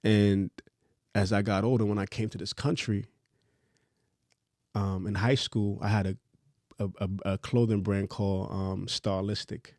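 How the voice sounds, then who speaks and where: A man in his thirties from Trinidad, a fashion designer telling his story in a relaxed, candid, slangy podcast chat. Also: fairly low pitch, a little slow, pauses often, no room sound, clean studio sound. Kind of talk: casual interview chat.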